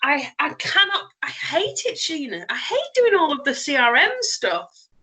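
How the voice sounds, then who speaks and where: A woman on a video call talks frankly with her business coach. Her voice is high and bright and swings widely in pitch. She is lively and open about what she likes and dislikes. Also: unhurried. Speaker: coaching client.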